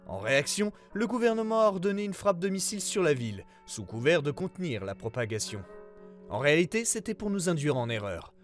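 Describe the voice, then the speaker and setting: In scripted narration, a man plays a government investigator reading a formal case report. He delivers it seriously and in a measured way, with a voice that sits a little high.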